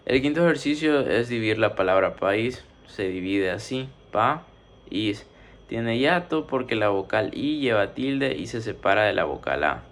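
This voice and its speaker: A man teaching a spoken grammar lesson, methodically working through numbered exercises and drawing out syllables as he splits words. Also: on the low side. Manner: steady explaining, drawn-out syllables.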